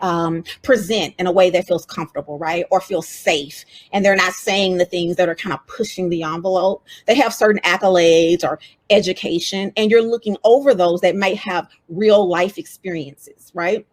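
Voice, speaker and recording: Southern lady giving a lively chatty motivational talk, mid pitch, emphatic. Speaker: DEI speaker and author.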